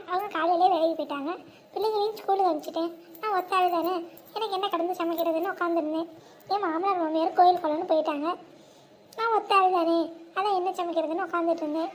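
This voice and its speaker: Cartoon village housewife acted by a woman: gossipy, crafty, extremely high voice, rural Tamil Nadu accent, faint ambient noise. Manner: colloquial, exclamatory.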